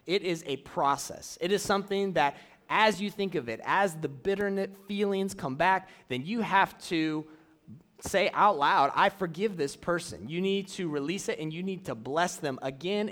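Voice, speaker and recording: A young man preaching casually to a church audience, drawing out key phrases slowly and running a live object lesson. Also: high voice, a bit bright. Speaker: youth pastor.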